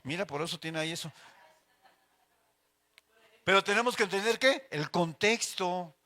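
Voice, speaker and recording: Middle-aged Mexican male Bible teacher, high bright voice, chatty, full of anecdotes. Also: moderate pace. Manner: chatty and anecdotal, addresses listeners as brothers, acts out everyday voices. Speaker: church Bible class teacher. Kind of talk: informal Bible class teaching.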